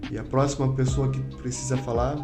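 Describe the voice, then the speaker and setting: A man's voice: medium pitch, little pitch movement, a little fast, echoey room, over music. A man hosting a podcast, teaching public speaking in a didactic way and acting out his students' complaints. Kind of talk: instructive podcast talk. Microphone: studio microphone.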